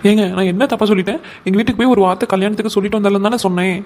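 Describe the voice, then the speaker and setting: A woman's voice: mid-range voice, fairly even intonation, very fast, a little mellow, a little hiss or hum, lightly acted. A woman voicing a hurt young wife in a cartoon who complains about her mother-in-law and protests her innocence. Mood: aggrieved. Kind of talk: cartoon voice acting.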